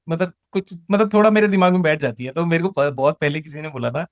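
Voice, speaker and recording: Animated and casual, a man with an Indian accent retells personal stories, voicing the dialogue himself and moving between Hindi and English. His pitch is fairly high. The recording is studio quality with no room sound.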